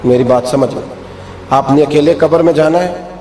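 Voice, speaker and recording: Emphatic preacher in an echoing hall. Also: male voice, fairly high pitch, warm tone, slight background noise. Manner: emphatic, rises sharply when acting out quoted speech. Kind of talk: sermon. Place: mosque. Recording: echoey hall with faint music.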